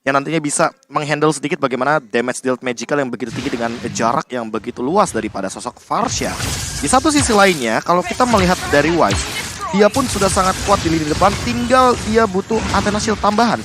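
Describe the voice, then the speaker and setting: A man's voice: a little high, animated, quick pace, music in the background. A man giving analytical esports commentary, explaining play in long unbroken sentences.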